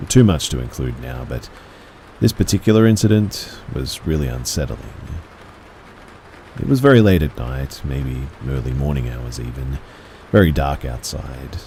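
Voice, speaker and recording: Very deep-voiced man narrating horror. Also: lively intonation, moderate pace, dark tone, slight background noise, rough recording.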